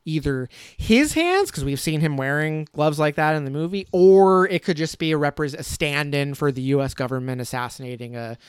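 A man's voice: a little high, lively intonation, normal speed, hardly any pauses, clear, resonant tone, no room sound, studio quality. A man co-hosting a podcast, giving blunt, critical film opinions in casual chat and swearing freely. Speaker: podcast co-host.

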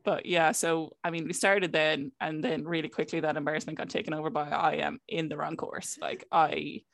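A woman's voice: low-pitched, little pitch movement, normal speed, vocal fry, no echo. A young woman from County Clare with a west of Ireland accent, chatting casually and telling anecdotes, peppering them with "like" and quoted exchanges. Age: young adult. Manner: conversational, frequent filler "like", quoting herself and others.

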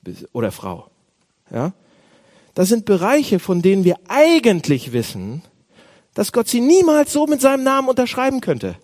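A man preaching a sermon as a pastor, animated, swinging between loud outbursts and hushed asides. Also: high-pitched, normal speed.

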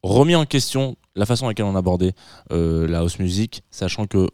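Low-voiced man hosting a radio music show. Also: lively intonation, a little fast, darkish tone, clear, resonant tone, no echo, clean studio sound. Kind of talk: casual on-air music presentation.

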